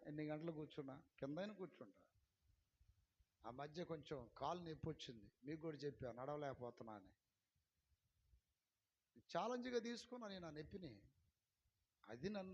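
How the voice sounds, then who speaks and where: A male pastor preaching a sermon, pressing the congregation with questions and swinging from quiet talk to loud shouts. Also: on the high side, dull audio, a little hiss or hum.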